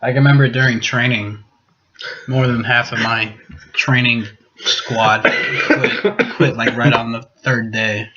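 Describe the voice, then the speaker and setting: A man's voice: medium pitch, steady tone, unhurried, crowd noise. A young man from the US Midwest co-hosting a casual podcast, laid-back and saying "man" a lot. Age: young adult. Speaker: podcast co-host. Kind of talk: casual chat. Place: apartment living room. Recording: dull lo-fi home recording.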